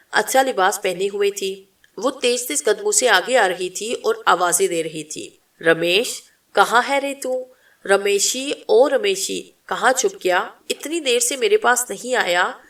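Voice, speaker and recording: A woman's voice: mid-range voice, a bit bright, recorded from a distance. Woman narrating a horror novel. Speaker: storyteller.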